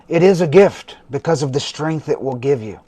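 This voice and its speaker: A man hosting a livestream, talking slowly and soothingly as he guides a meditation and gives instructions. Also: fairly high pitch, animated, warm tone. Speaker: host of a livestream. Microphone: phone or computer mic for a livestream.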